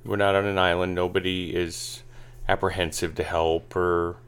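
A man's voice: low voice, level tone, normal speed, a bit bright, smooth. A man co-hosting a casual podcast as a family coach, easygoing and plainspoken with a joking streak.

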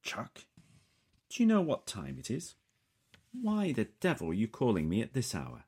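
A man's voice: mid-range voice, wildly swooping pitch, measured pace, a little mellow, husky, voice pushed up, exaggerated voice. A man voicing a British man woken in the night, guarded and commanding, with a British accent. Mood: groggy, annoyed.

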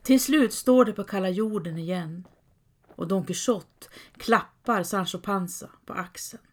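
A woman calmly reading a scripted historical story as its narrator. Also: mid-range voice. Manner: calm, measured reading.

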